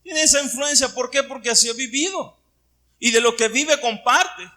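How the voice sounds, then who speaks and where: A man's voice: very high voice, normal speed, pushed and bright. A middle-aged man from Puerto Vallarta with a Puerto Vallarta Mexican Spanish accent, preaching a Sunday sermon and putting questions to his congregation. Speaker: pastor.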